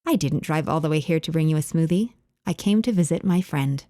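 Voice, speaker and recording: A woman's voice: sits low, expressive, a little fast, warm tone, dry recording, clean studio sound. A woman voicing a kind, cheerful neighbor and mother of a big family, speaking in a lifted, friendly tone. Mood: warm, cheerful.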